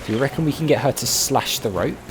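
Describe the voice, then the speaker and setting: A man's voice: medium pitch, animated, quick pace. A man hosting a let's play, musing aloud and asking questions in casual game commentary. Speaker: gamer, let's play host. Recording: game music behind.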